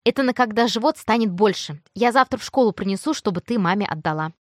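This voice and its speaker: A woman voicing an excitable teenage girl who gushes breathlessly. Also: mid-range voice, fast, no room sound, studio quality, close to an everyday voice. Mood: ecstatic gushing. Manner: squealing, breathless gush.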